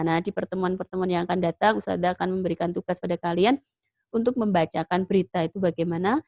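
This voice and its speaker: A woman's voice: fairly low pitch, a little mellow, no room sound. Patient woman teacher, dry close sound. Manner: patient, explains step by step, asks and answers her own questions. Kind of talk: online class lesson.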